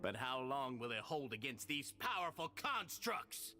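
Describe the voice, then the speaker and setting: A man's voice: mid-range voice, sing-song, unhurried. An actor playing an arrogant, cruel male prison official who talks in a sneering, harsh, intense way, from a game with music behind.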